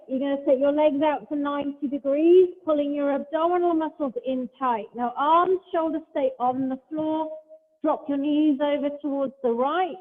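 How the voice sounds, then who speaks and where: A woman with a high-pitched voice leads a Pilates class from a large hall streamed over a video call, giving calm, step-by-step cues mixed with chatty asides. The hall sounds echoey and the line thin and phone-like.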